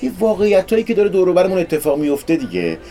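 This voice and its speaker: Whiny man with mellow voice. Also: high voice, wildly swooping pitch, faint music behind. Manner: whiny, self-pitying, long-winded complaints. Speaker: comedy sketch actor. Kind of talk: scripted comedy sketch.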